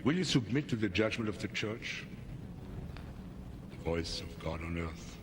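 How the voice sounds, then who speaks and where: A man playing a grave, calculating medieval inquisitor, speaking in a measured, formal, insinuating way in a film drama. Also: fairly low pitch, expressive, long reverb tail, very noisy. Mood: solemn, questioning.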